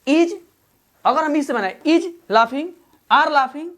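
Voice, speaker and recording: A woman teaching English grammar in Hindi. She repeats each example slowly and quizzes the learners as she goes. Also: high-pitched, fairly bright tone. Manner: addresses learners fondly as "babu". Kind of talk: Hindi-medium classroom grammar lesson.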